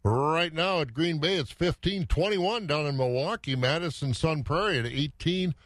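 A man's voice: fairly high pitch, normal speed, fairly bright tone, no room sound, clean studio sound. A folksy man hosting a morning farm radio show, reading out weather and market figures. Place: dry radio studio.

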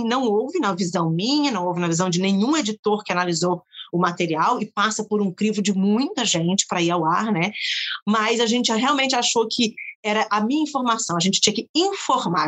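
A woman TV reporter with a Brazilian accent, explaining her editing choices in a measured way. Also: medium pitch, fairly bright tone. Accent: Brazilian Portuguese.

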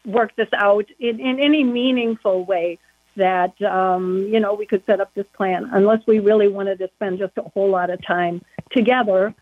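Calling in to a casual interview, a woman who serves on a county board chats away with plenty of "you know" fillers. Her medium-pitched voice is steady and moves at a normal speed, dry but muffled by the phone line, as if heard through a wall.

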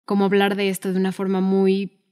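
A woman's voice: mid-range voice, completely flat delivery, a little fast, darkish tone. A woman co-hosting a podcast, chatting casually and retelling film scenes with many fillers. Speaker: podcast co-host.

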